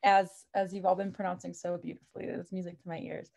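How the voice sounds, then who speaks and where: A woman from the Chicago area introduces herself to a group as a project's creative consultant, chatty, laughing, and using many fillers. Her voice is on the low side and darkish, with vocal fry, a level tone, and a fast pace.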